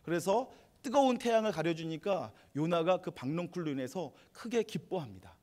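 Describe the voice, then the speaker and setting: Male preacher, conversational storyteller, a bit high-pitched. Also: moderate pace. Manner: conversational storytelling, animated retelling. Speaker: pastor. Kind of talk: sermon.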